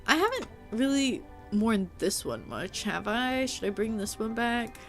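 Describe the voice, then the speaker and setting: A woman's voice: a little high, a little slow, soft background music. Chatty, playful woman streamer. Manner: chatty and playful, teasing her chat and poking fun at herself; animated, with frequent filler "like" and mild swearing. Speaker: live streamer. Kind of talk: casual live-stream chat while playing a game.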